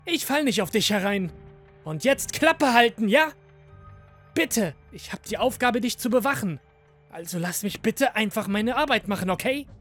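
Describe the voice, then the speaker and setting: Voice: medium pitch, sing-song, moderate pace, soft background music, pitched above the performer's own voice. A narrator voicing a nervous young male guard who whispers and hisses warnings in a horror audio drama. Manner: anxious, hissing, insistent.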